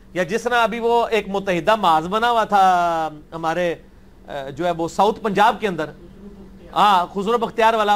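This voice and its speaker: A man answers questions in a blunt, dismissive, argumentative manner. His voice sits high for a man, and he brushes objections aside with short, firm replies. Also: fairly bright tone. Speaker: religious scholar answering questions.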